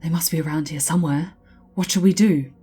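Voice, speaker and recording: A woman acts out a bewildered elf officer in an epic fantasy tale. The voice is raised and urgent, pressing forceful questions over faint music. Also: lowish voice, normal speed, lightly acted. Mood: alarmed.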